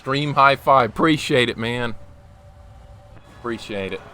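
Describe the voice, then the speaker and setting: Unhurried and sharp in tone, a man in his forties keeps up casual live-stream chat, talking to viewers and reacting to the game. His voice sits at medium pitch.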